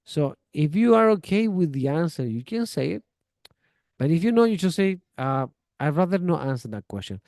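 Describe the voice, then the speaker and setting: A man talks in a relaxed, chatty way, like a teacher giving friendly advice. His voice is mellow and warm, recorded close and dry, with no room sound. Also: on the high side, moderate pace, vocal fry, no echo. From Chile. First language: Spanish. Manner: chatty, relaxed, gives friendly advice with acted-out example dialogues. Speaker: English teacher. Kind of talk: casual spoken lesson.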